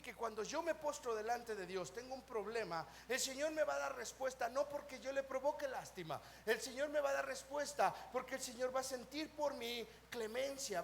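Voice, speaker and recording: A Mexican man preaching a sermon at a live church service, asking the congregation questions and answering them himself, sometimes mimicking whiny prayers in a soft mocking voice. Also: very high-pitched, vocal fry. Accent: Mexican Spanish. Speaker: pastor. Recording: live church service with faint background noise.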